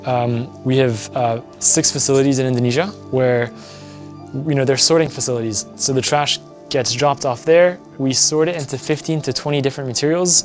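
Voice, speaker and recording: A young man from France, earnest and talking in an interview as an activist, with frequent fillers and restarts. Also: medium pitch. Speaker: guest, environmental activist. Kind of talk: conversational interview.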